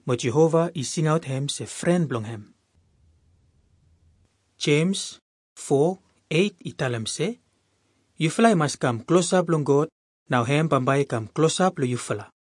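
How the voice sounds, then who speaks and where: Husky Melanesian man reading scripture. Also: a little high, animated, unhurried, pauses often, no echo, studio quality. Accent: Melanesian Pidgin. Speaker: scripture reader. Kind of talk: reading Bible verses aloud.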